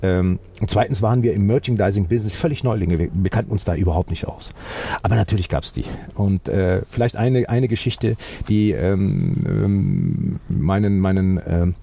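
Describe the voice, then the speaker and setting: A man telling a story as an interview guest, halting with many fillers and restarts, but upbeat. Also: sits low, lively intonation, creaky, mellow, slightly rough.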